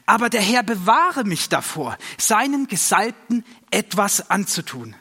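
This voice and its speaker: A man's voice: sits high, very animated, unhurried, bright, forceful tone, breathy edge, voice pushed up, exaggerated voice. A man voicing a bold, earnest young warrior in a storybook reading, speaking in a raised, reproachful voice. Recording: long reverb.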